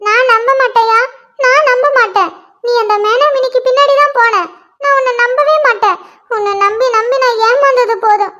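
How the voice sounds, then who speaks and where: Woman voicing a jealous cartoon wife lizard, very high, bright, sulky scolding. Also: normal speed. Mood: sulking.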